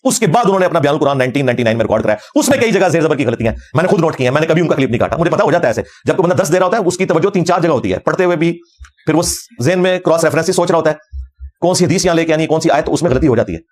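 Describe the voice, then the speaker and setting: A man's voice: a little high, lively intonation, very fast, a little mellow. A middle-aged man giving a combative religious lecture as a scholar, fervent and quoting Arabic verses.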